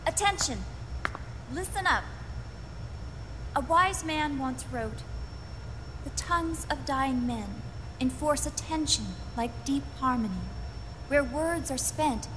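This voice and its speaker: Grave commanding female military leader, slow delivery. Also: high voice, noisy background. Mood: commanding, solemn. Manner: grave, commanding, deliberate briefing. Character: grave older female military commander briefing her soldiers. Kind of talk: scripted video game voice acting.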